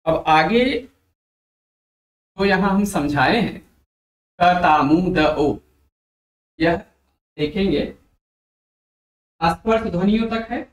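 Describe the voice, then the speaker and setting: A man teaching a Hindi grammar lesson for exam preparation, explaining slowly and repeating letters and sounds aloud for his students. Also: high voice. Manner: addresses viewers as dear friends. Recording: very echoey room.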